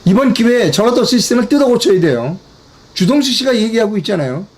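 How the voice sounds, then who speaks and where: Emphatic high-voiced older man commentator. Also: sing-song, quick pace, husky. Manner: emphatic, repetitive, rhetorical questions to viewers. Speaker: political commentator. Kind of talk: political news briefing monologue.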